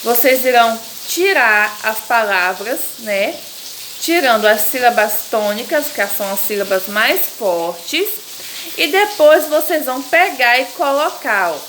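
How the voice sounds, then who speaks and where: A Brazilian woman teaching a lesson at a very unhurried pace, her voice bright and slightly high. She patiently sounds out words syllable by syllable, with a faint hiss under the recording. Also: expressive. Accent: Brazilian Portuguese. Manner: patient, repeats words slowly to stress syllables.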